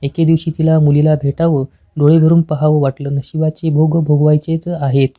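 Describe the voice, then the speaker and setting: A woman narrating a devotional folk tale as a scripted story reading, in a slow, even recital. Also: low-pitched.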